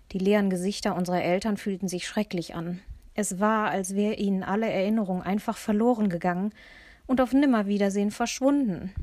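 Lady reading a kids' novel out loud, tense and measured, super dry close mic. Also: mid-range voice, no room sound. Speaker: audiobook narrator. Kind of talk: scripted first-person audiobook narration. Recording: dry close-miked studio.

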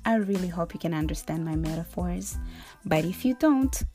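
A woman's voice: fairly low pitch, lively intonation, normal speed, mellow, faint music behind. A young woman from Rwanda hosting her own podcast, upbeat and playful, giving a motivational talk. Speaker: podcast host. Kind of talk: solo podcast monologue.

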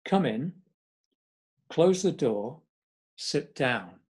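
A man voicing his former boss, a calm, authoritative radio station manager who speaks gently but firmly. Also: fairly high pitch, normal speed, slightly rough.

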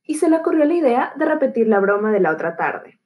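A woman narrating a fable as a gentle, calm bedtime story. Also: on the high side, fast, poor audio.

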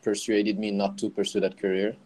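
Man from Senegal, low voice, calm measured interview guest. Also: a crowd in the background. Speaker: guest engineer. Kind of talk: interview answers.

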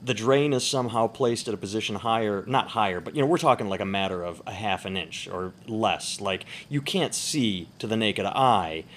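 A man podcasting casually, keeping subdued and quiet at night as he rambles and swears through his stories. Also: fairly low pitch, moderate pace, hardly any pauses. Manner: subdued, holding back as others sleep nearby; profane, rambling storyteller. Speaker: podcast host. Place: upstairs room at home at night. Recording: clear background noise in room.

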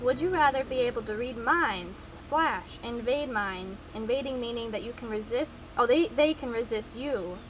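A young woman on the higher side reads out silly would-you-rather questions in a dry, playful way. Music plays clearly behind her voice. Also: expressive, normal speed, hardly any pauses, rough recording. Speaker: question asker.

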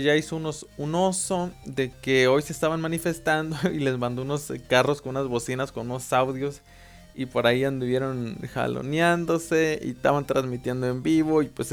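A young man with a Mexican accent casually telling a personal story, slangy and animated. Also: medium pitch, clear, resonant tone. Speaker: vlogger.

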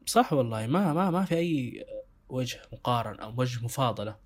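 A Sudanese man talks quickly through a casual discussion as a co-host. He thinks aloud, reflective, and keeps steering himself back to his point. His pitch sits in a middle range for a man. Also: animated. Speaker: show co-host.

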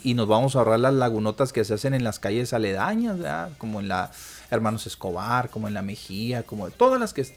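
A man's voice: mid-range voice, creaky. A man with a northern Mexican border accent talks casually as a radio call-in host, explaining things in colloquial words and often checking for agreement.

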